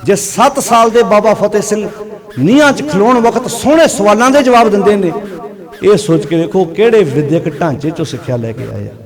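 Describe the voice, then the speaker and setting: A man preaching a sermon to a village congregation, swinging between loud emphatic peaks and quiet earnest asides. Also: sits high. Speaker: Sikh preacher giving katha. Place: gathering in a village. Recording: live crowd audible behind.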